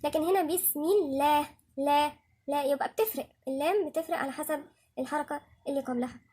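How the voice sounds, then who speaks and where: A woman with a high voice and an Egyptian Arabic accent leads a patient tajweed lesson. She breaks each word down and says every sound again and again so learners can copy it. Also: fast, a little mellow. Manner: patient, repeats each sound several times to demonstrate. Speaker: Quran recitation teacher.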